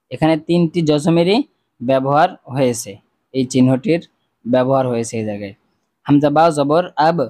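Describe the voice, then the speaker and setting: Male Quran teacher, slightly high voice, dry close mic, patient and repetitive, walks through each sound. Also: darkish tone. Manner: patient, repeats each rule and sound slowly for viewers to echo. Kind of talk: step-by-step recitation lesson.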